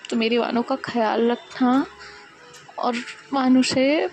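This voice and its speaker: Woman playing a soft-spoken, remorseful mother. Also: a little high, fairly even intonation, slow pace, lo-fi sound, faint music behind. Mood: tender. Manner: soft, tender, comforting.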